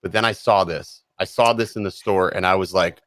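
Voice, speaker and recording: Playful low-voiced man hosting a stream. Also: steady tone, fairly quick. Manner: playful, rambling, exclaims loudly. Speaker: streamer host. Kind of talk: casual livestream chat. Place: home stream setup in Florida.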